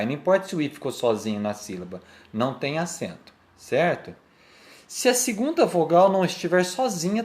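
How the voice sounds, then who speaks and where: Male teacher, Brazilian Portuguese accent, animated pitch, patient explaining manner. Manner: patient, repetitive, stretches key words. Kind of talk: explanatory grammar lesson.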